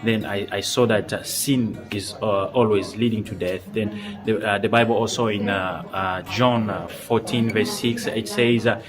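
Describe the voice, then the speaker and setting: A young man from Congo giving a personal faith testimony, speaking hesitantly with many pauses and restarts. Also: on the low side, steady tone, music in the background. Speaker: church member giving testimony.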